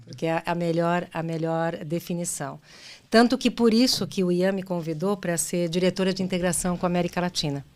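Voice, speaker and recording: A woman's voice: fairly low pitch, steady tone, brisk. A middle-aged Brazilian woman being interviewed about her career. She speaks thoughtfully, often restarting her phrases and tagging them with "né?". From Brazil, daughter of Argentine parents. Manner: thoughtful, with frequent restarts and "né?" tags. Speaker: guest, business executive. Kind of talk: conversational interview answers.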